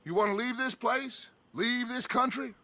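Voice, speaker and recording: An actor playing a charismatic, scheming middle-aged American outlaw gang leader in a video game, grandiose and persuasive. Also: male voice, very high voice, normal speed, pushed and bright. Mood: forceful, insistent. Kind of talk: dramatic video game cutscene acting.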